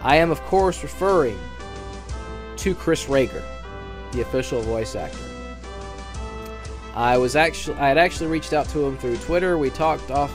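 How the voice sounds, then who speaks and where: A man with a mid-range voice gives an unscripted, casual audition announcement for a fan dub, hesitating, rambling, and restarting often.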